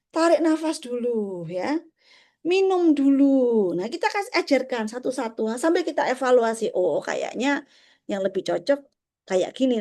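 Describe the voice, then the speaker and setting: A middle-aged woman giving a parenting talk to parents, explaining gently and acting out short exchanges between parent and child. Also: sits high. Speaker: parenting speaker.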